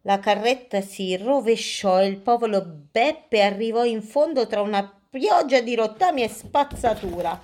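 A woman hosting and reading a children's story aloud in a lively, playful, sing-song way. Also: a little high, measured pace, hardly any pauses. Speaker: storyteller host.

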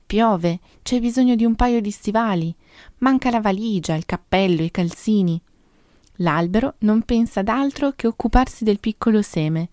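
Warm-voiced woman narrating a story. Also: medium pitch, no echo, clean studio sound.

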